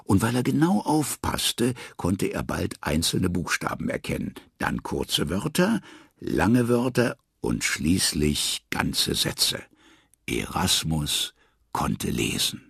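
A man with a deep, gravelly voice reads a children's story aloud in an expressive, lively way. His pitch swings widely up and down, and he sounds husky. The sound is close and dry. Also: dry recording.

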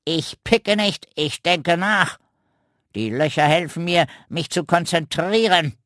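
A man voicing a boastful, long-winded old male raven with a quick temper, in a children's storybook reading. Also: a little high, expressive, fairly bright tone, no room sound, studio quality, voice pushed up. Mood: lecturing. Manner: pompous and long-winded, snapping when crossed.

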